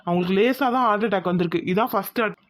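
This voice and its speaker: Woman doing a brisk cartoon doctor. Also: mid-range voice, lightly acted. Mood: reassuring. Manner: reassuring, explanatory. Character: calm male village doctor. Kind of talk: cartoon voice acting.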